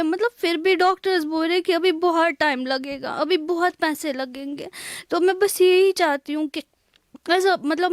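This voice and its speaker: A young woman from Kashmir, speaking softly and hesitantly in a tearful interview. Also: very high-pitched, dry recording, studio quality. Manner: soft-spoken, hesitant, many pauses and fillers. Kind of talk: emotional interview.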